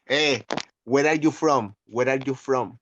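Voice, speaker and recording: A man with a Chilean Spanish accent, a native Spanish speaker, talking in halting English on video chat. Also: medium pitch, fairly bright tone, no echo. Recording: dry, dull video chat audio.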